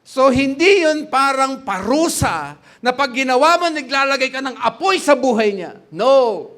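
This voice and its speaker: High-voiced, unhurried male pastor. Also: animated, a bit bright. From Philippines. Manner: chatty, laughs often, quizzes the congregation, mixes English in. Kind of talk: sermon.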